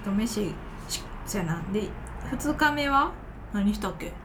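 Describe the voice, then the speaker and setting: A woman's voice: medium pitch, animated, measured pace, noisy background. A woman with a Kansai accent, one half of a comedy duo, hosting a casual radio show and reading listener letters aloud with chatty, giggly asides.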